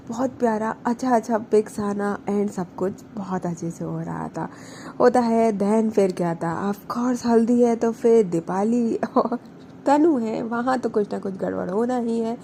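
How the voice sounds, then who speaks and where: Mellow-voiced young woman telling a story. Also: medium pitch, gravelly, a little hiss or hum. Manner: chatty and rambling, with frequent self-corrections. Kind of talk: casual spoken storytelling.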